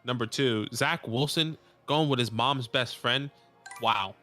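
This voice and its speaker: A laid-back man in his late twenties chatting on a casual live stream, with a bright, forward tone. A faint bed of music plays under his voice. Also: mid-range voice, a little slow. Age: 20s. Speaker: co-host. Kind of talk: casual livestream chat.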